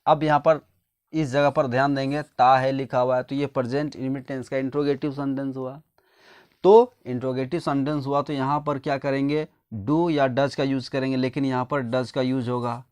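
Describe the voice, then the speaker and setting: A man's voice: mid-range voice, level tone, moderate pace, a little mellow, smooth. A man from India explaining English grammar step by step, asking his own questions and answering them, dictating example sentences word by word. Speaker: English teacher.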